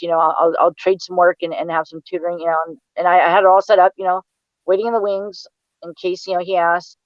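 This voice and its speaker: Mom telling stories in an interview, keeps stumbling and repeating words, kinda muffled lo-fi audio. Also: female voice, on the low side, dry recording. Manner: halting, repeats words often while recounting. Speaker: interview guest, mother of the subject. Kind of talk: personal recollection in an interview.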